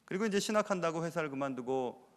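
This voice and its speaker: Brief: male pastor, fairly high voice, conversational sermon, long church reverb. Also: animated, quick pace. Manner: conversational, confessional preaching with rhetorical questions. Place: church sanctuary.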